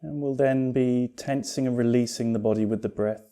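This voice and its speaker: As a yoga teacher guiding a meditation, a man speaks at a medium pitch. He's unhurried and calm, with a soothing, reassuring gentleness.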